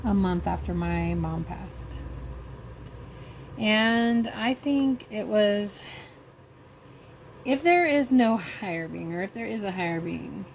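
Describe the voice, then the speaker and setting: A middle-aged woman vlogger slowly telling a personal story while crafting, halting and emotional. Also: mid-range voice, darkish tone, a little hiss or hum.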